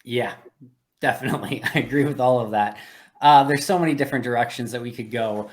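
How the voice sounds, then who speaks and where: Man hosting a sports podcast, medium pitch. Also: brisk. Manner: analytical, explanatory. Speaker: podcast host. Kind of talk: conversational sports commentary.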